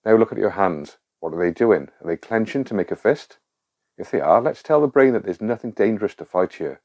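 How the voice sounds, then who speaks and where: Male guide for a calm grounding exercise: low-pitched voice, reassuring, gives clear step-by-step instructions. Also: a little fast, dull audio. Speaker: guide of a panic relief exercise.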